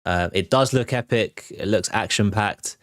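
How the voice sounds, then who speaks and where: With a fairly low, unhurried voice, a film show host riffs informally on trailers, his commentary casual and off the cuff. The studio-quality recording carries no room sound.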